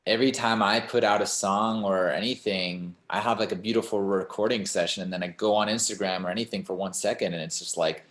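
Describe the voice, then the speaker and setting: Young man, low voice, rambling with fillers, echoey room, casual interview guest. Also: fairly quick, hardly any pauses. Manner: rambling, animated, many "like" and "you know" fillers. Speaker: singer-songwriter guest. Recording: roomy echo.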